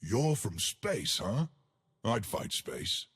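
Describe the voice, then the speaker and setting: For a video game, a male actor voices an enormous, ancient living stone colossus in a lowish, gravelly, husky voice full of hearty, simple-minded bravado. His heavily acted lines come slowly and very animated, with a fairly bright tone and a playful, swaggering mood.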